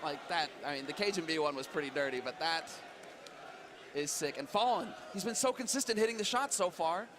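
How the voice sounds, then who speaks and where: A man commentating as an esports caster, giving excited, urgent play-by-play. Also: a little high, a little fast, noisy background. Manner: urgent, building to shouts at big plays.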